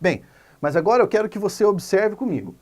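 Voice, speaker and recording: Male teacher, animated pitch, emphatic video lesson voice. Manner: lively, emphatic, spells out words slowly. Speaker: Portuguese teacher.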